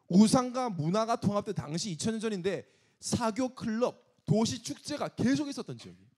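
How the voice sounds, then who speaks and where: A man's voice: sits high, darkish tone. A man preaching an emphatic sermon to young adults as pastor, scolding and asking rhetorical questions.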